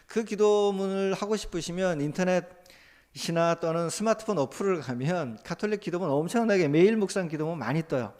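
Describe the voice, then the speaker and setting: Impassioned high-voiced Korean pastor. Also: male voice, normal speed. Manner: rises to loud impassioned voiced prayers, then drops back to calm teaching. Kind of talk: sermon.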